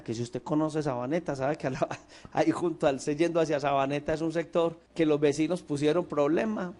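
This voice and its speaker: A man with a Colombian Paisa accent preaching a sermon, an animated storyteller who swings between emphatic and hushed delivery. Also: a little high. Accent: Colombian Paisa, Antioquia. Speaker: pastor.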